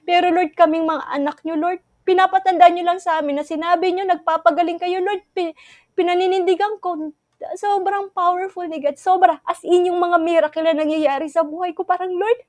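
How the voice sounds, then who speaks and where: A woman with a high, bright voice shares a personal testimony sermon in an earnest, pleading way, acting out her own prayers. The sound is close and dry, with no room around it. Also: fairly even intonation, fairly quick, dry recording. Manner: earnest, prays aloud in quoted pleas. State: tearful at moments. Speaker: preacher.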